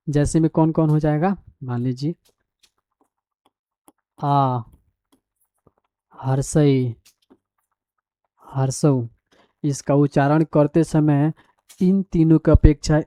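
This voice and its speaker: A male teacher giving a school grammar lesson, dictating definitions slowly word by word as he writes them down and asking the class questions along the way. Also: on the high side, mellow, dry recording. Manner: repeats definitions and quizzes the class.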